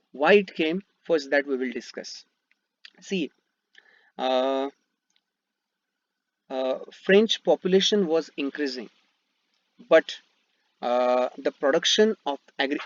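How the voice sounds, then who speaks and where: A man with an Indian English accent and Marathi as his first language, teaching a history lesson over slides, with rhetorical questions and frequent fillers. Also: fairly high pitch. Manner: explains step by step, asks rhetorical questions, frequent fillers and restarts. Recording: dull dry lo-fi voice-over.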